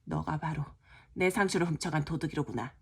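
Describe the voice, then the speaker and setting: A woman's voice: deep voice, brisk, vocal fry, husky, heavily acted. A woman voicing a stern, gloating old witch in a children's storybook reading. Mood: stern, accusing.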